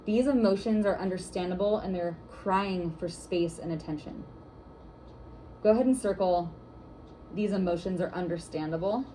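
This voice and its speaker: A woman's voice: lowish voice, normal speed, dark tone, slight background noise, rough recording. A woman instructor teaching a workshop class for massage therapists, guiding and chatty with lots of "like" fillers.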